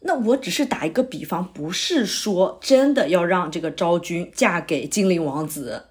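The speaker is a woman with a lowish, natural voice, lively intonation, and a moderate pace. She is the playwright character in an audio drama, an earnest middle-aged man and eager pitcher, persuading and explaining his ideas at length.

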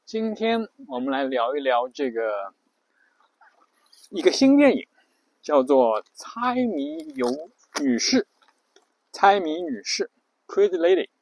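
Slow, chatty man hosting an audio show. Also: on the high side, sing-song, a little mellow, low-quality recording. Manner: chatty, thinking aloud with many fillers. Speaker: podcast host. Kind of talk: casual explainer monologue.

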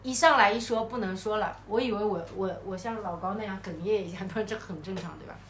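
Woman co-host, lively storyteller with frequent laughter, bright and slightly high voice, echoey room. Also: quick pace. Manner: animated, laughs often while telling a story. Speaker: podcast co-host. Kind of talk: casual chat, storytelling. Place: hotel room. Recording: echoey room, faint background noise.

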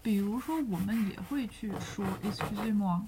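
A woman co-hosting a podcast, chatting in a lively, reflective way. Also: medium pitch, normal speed, background noise. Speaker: podcast co-host. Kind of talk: casual chat.

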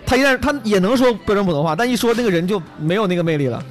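A man's voice: sits high, expressive, rapid-fire, soft background music. A man hosting a casual podcast chat, talking in a blunt, slangy way like a stand-up comedian off stage.

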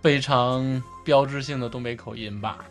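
A man with a Northeastern Chinese accent chatting casually as a podcast co-host, explaining in a halting way and often repeating his phrases. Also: medium pitch, steady tone, soft background music.

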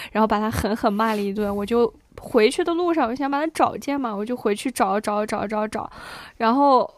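A young woman in her twenties co-hosting a casual chat podcast, telling stories in an animated way and often asking "you know?". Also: fairly high pitch, dry recording. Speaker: podcast co-host.

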